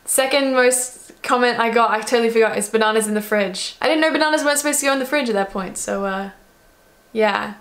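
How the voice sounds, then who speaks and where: A woman's voice: a little high, fast talker, fairly bright tone. A woman with an Australian accent chatting casually and rambling in a self-mocking way as she reacts to an old video of herself. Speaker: vlogger.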